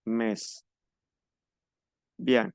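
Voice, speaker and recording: A man teaching a French class over a video call, patiently slowing down to model pronunciation. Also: fairly low pitch, steady tone, gravelly, clean tone, no echo, studio quality. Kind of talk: online class instruction.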